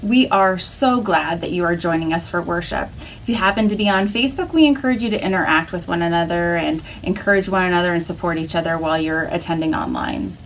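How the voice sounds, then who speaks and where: A woman's voice: lowish voice, fast talker, slight background noise, low-quality recording. A woman welcoming worshippers and reading out announcements for an online church service. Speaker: church discipleship director.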